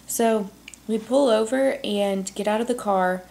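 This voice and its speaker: A young adult woman vlogger telling a story in a casual, animated way, full of "like"s, recorded at home on a camcorder. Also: medium pitch, unhurried, gravelly. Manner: animated, chatty, many "like"s. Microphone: camcorder on tripod.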